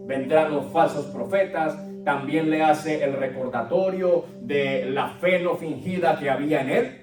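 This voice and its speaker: A male preacher gives a sermon in a candid, storytelling way. His voice is high for a man and comes from some distance away in a reverberant church. Soft music runs beneath. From Puerto Rico and Colombia.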